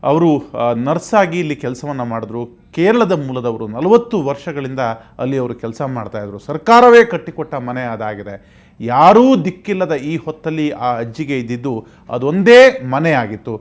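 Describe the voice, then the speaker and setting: A man's voice: mid-range voice, sing-song, brisk. Earnest man presenting the news. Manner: earnest, appealing to viewers. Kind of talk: news commentary.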